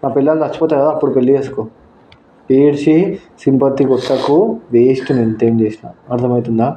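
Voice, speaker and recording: A man's voice: mid-range voice, fairly even intonation, fast talker, mellow, echoey room, slight background noise. A man talking in a cold, dismissive and insistent way in an emotional scripted skit.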